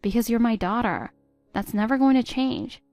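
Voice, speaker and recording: A woman voicing a patient, hurt middle-aged stepmother who pleads gently with her stepdaughter. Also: a little high, moderate pace, no room sound, soft background music, lightly acted. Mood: pleading. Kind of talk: text-story voice acting.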